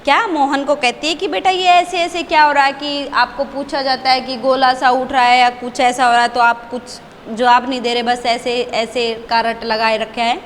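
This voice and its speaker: A woman's voice: high voice, flat delivery, moderate pace. A woman teacher reading a one-act play to her class and explaining it in simple words. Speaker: Hindi teacher. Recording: long reverb, faint background noise.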